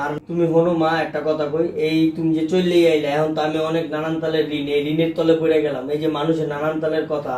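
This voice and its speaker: A man's voice: on the high side, darkish tone, close to an everyday voice. A man playing a debt-ridden son scolding his mother in rustic speech. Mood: reproachful. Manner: rapid, agitated scolding in dialect. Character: indebted adult son, defensive and scolding. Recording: echoey room, far from mic, faint noise.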